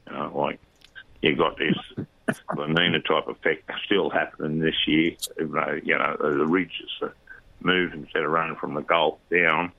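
A man's voice: extremely low pitch, little pitch movement, moderate pace, gravelly. An Australian man giving a fishing report in casual radio chat, rambling with lots of fillers and restarts. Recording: dull lo-fi line.

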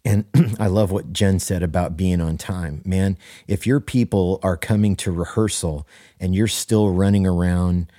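A low-voiced man talks on a podcast as a worship leader, his tone warm and mellow. He speaks earnestly, hammering points home by repeating them, and slips in deadpan jokes. The sound is dry and close, with no room around it. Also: a little slow, dry recording. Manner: earnest and emphatic, repeats key phrases for stress. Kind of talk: casual podcast conversation.

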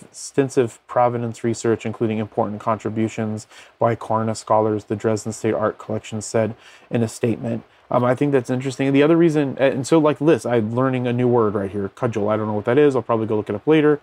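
A man's voice: mid-range voice, darkish tone. A man hosting a casual lo-fi podcast, rambling loosely with many fillers as he talks from his bed at home. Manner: rambling, many fillers, looks things up mid-talk. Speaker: podcast host.

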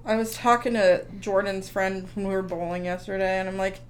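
A woman's voice: medium pitch, steady tone, brisk. A woman in her thirties co-hosting a casual podcast chat, blunt and dry, swearing freely. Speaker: podcast co-host.

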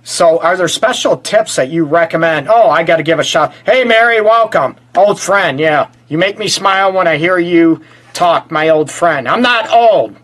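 A middle-aged man hosts a relationship talk show with a joking, teasing manner. His voice sits a little high for a man. He talks from his office and keeps the chat light. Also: moderate pace, fairly bright tone. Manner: joking, teasing, self-described smart aleck. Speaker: relationship counselor and show host. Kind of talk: casual talk show interview.

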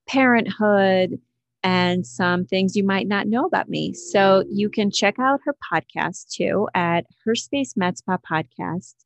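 Chatty woman host in her thirties. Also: mid-range voice. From Slovakia. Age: 30s. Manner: chatty, many fillers like "like" and "you know". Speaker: podcast host and health coach. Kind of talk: casual interview chat.

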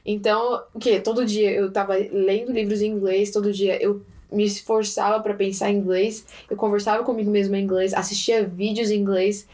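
A woman's voice: mid-range voice, flat delivery, a little mellow. Chatty woman guest. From Brazil. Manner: chatty and playful, quick asides. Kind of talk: casual interview chat.

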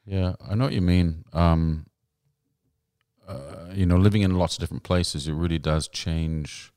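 Deep-voiced male podcast host, dry sound. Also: steady tone, measured pace, darkish tone, dry recording. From England. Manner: chatty, self-interrupting, rambling. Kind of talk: podcast interview chat.

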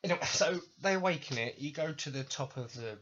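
A man rants his way through a comedy podcast, swearing often and sounding sarcastic and fed up. His voice is bright and a little husky, with pitch swooping widely, recorded on a dull lo-fi mic. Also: expressive, a little fast, a little hiss or hum. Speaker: podcast host. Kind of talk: comedic rant.

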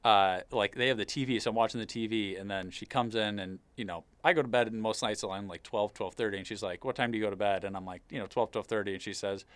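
A man with a lowish, congested voice chats as a podcast host. He sounds nasal, as though his nose is packed and swollen after surgery. He tells personal stories casually, and the sound is dry with no room echo. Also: fairly even intonation, fast talker, hardly any pauses, fairly bright tone. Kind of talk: casual chat, personal anecdote.

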